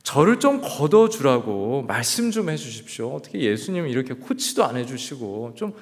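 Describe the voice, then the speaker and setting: An overworked older sister vents her exasperation in a grumbling complaint, as a male preacher puts her on. Her voice rises and falls with lively swings. It rings with the long reverb of a church hall. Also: medium pitch, normal speed. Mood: irritated.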